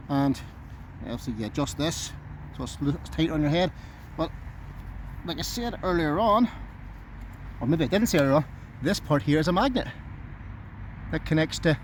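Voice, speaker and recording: A man talking casually to camera as a camping vlogger, rambling in an easygoing way and thinking aloud. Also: on the high side. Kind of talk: casual outdoor vlog talk to camera. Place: outdoors at a tent by a road. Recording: clear outdoor background noise, nearby road.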